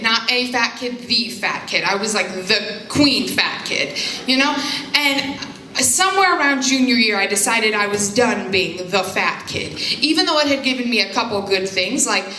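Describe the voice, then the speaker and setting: A woman's voice: a little high, bright, forceful tone, slight background noise. A young woman giving a candid personal speech to a live audience from a stage, with self-deprecating humor. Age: young adult. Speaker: foundation spokesperson. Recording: echoey room.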